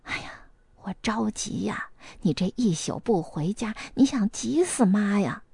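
A woman voicing a fretful fifty-year-old country mother who nags in a hushed, half-whispered voice. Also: medium pitch, expressive, a little slow, vocal fry, husky, dry recording, full character voice. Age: 50s.

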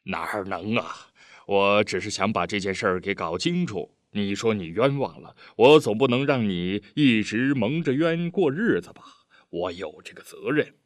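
Guy reading as a pushy chatty official, earnest, kinda low voice, dry sound. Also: animated, moderate pace, dry recording, lightly acted. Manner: earnest, pleading, talkative. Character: eager middle-aged official, persistent, chatty.

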